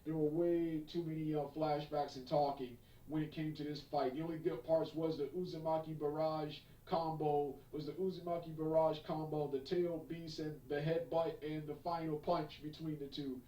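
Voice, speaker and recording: Male reviewer, slightly high but mellow voice, halting delivery full of fillers, recorded far from the mic. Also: flat delivery. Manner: halting, many fillers and restarts, repeats phrases. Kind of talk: unscripted spoken review. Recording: echoey room, voice far from mic.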